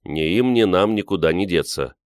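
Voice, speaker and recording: A man reading an audiobook, voicing a wry, steady young man who teases dryly. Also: sits low, normal speed, clear, resonant tone, no echo. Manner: dry, wry.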